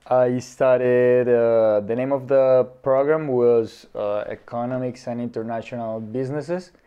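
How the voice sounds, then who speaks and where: A man of thirty from Colombia, a guest in a casual interview, talking with many pauses and fillers. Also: medium pitch, steady tone, mellow, clean tone, muffled recording. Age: 30s.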